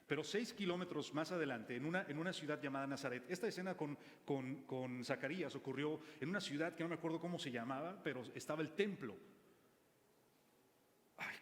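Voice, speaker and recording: Male preacher, higher voice, animated and joking with the congregation, long church reverb. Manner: animated, jokes with the congregation, slows for scripture quotes. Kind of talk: sermon. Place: church hall.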